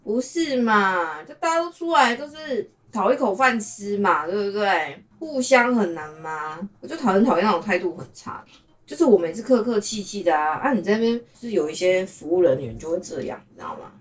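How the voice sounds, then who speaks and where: A woman hosting a casual chat podcast with a Taiwanese Mandarin accent, talking in an animated, sassy way and mimicking people. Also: medium pitch, brisk, recorded from a distance. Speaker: host.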